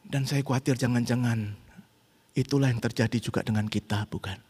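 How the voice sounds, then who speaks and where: A middle-aged man preaching a sermon as pastor, swinging between loud urgent rhetorical questions and quiet, intimate reflection. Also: medium pitch, steady tone, fairly quick, breathy edge. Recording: long hall reverb.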